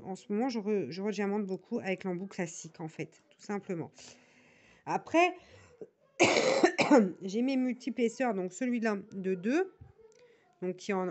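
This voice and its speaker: A woman's voice: mid-range voice, a little mellow. Chatty woman with a northern French accent. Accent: northern French (Nord). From northern France. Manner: rambling, many fillers and restarts, chatty asides. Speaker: diamond painting vlogger. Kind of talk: casual tutorial chat to viewers.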